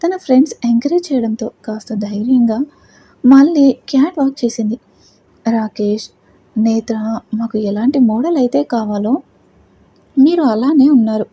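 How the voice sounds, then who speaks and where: A woman narrating a dramatic love story in a steady, dramatic reading style. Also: on the high side, husky, rough recording.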